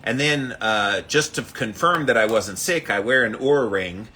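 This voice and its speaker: A man's voice: medium pitch, moderate pace, bright, forceful tone, slight background noise. A man hosting a casual livestream, upbeat, repeating himself as he greets viewers by name and reads out their comments. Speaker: livestream host of a daily ice bath challenge.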